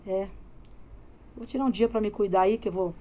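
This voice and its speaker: Speaking at normal speed in a steady, mellow mid-range voice, a Brazilian vlogger in her forties from Minas Gerais talks loosely to her viewers with a Minas accent. The recording, made on a phone held close while she lies in bed for a casual home vlog, sounds muffled.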